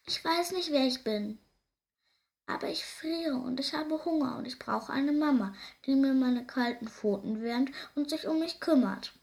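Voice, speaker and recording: A woman's voice: high-pitched, measured pace, vocal fry, a little mellow, distant mic, pitched above the performer's own voice. A woman voicing a small lost baby hare boy who is cold and hungry, speaking in a plaintive, questioning voice.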